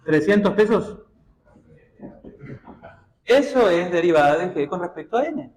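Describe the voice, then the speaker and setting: A man with an Argentine Spanish accent gives a classroom math lecture in a high, lively voice that rises and falls a lot. He keeps questioning his students and checking they follow. The sound is echoey, as in a classroom. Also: a little slow. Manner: questioning, checks understanding often, colloquial. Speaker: math teacher.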